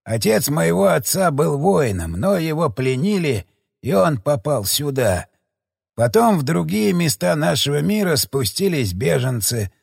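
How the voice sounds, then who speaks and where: A fearful ancient elder with a gravelly, husky voice, as a male narrator puts him on, speaking in hushed, halting bursts. The voice sits a little higher than usual and swings widely in pitch. The storybook reading is dry and close. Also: very animated, no room sound, exaggerated voice. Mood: somber recounting. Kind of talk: audiobook character voice.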